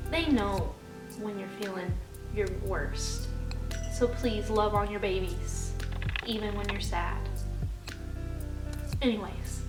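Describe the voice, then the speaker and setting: A woman in her twenties talking earnestly to camera, encouraging viewers and swearing casually in unedited vlog talk. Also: fairly high pitch. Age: 20s. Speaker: vlogger. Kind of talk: unscripted heartfelt talk to camera. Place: home room with her dogs. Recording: echoey room, distant mic, loud music behind.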